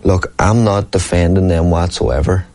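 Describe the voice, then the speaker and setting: A deep, darkish voice at a moderate pace belongs to a professional boxer giving a long, earnest, casual interview, repeatedly asking "you know what I mean."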